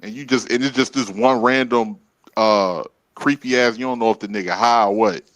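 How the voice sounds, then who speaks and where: A man in a casual talk, spinning stories with rising energy. His voice sits in an ordinary middle pitch. The sound is dry and close, with no room around it. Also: moderate pace, dry recording, poor audio. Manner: animated, rises loud and high when acting out confrontations. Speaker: podcast co-host. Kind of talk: casual storytelling.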